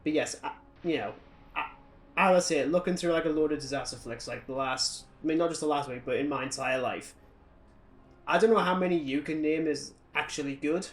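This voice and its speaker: Speaking a little fast in a fairly high voice, a British podcast co-host offers casual film reviews. He rants in an opinionated, sardonic manner.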